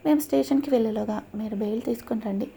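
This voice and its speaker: A woman voicing a male police constable calmly explaining his duty. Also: fairly high pitch, fast, gravelly, slight background noise. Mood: matter-of-fact.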